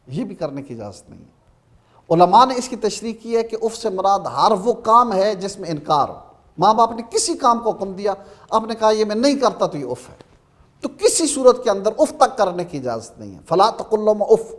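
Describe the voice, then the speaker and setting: A man with a Pakistani Urdu accent speaks as a religious scholar on a Ramadan TV program, his voice sitting a little high. He preaches emphatically and slows down to recite verses. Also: big pitch swings. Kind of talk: Ramadan TV sermon-style talk.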